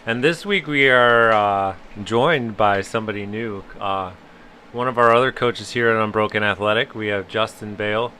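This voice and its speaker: A man's voice: lowish voice, normal speed, sharp tone, slight background noise. A man hosting a casual podcast, joking and teasing his guests in easy banter. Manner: joking, self-deprecating banter. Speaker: podcast host.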